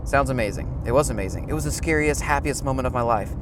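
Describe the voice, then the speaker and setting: Guy reading movie lines out loud in a car, lots of road noise, gets shouty in bursts. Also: mid-range voice, fast. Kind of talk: reading a film script aloud. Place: inside a car, outdoor traffic noise behind.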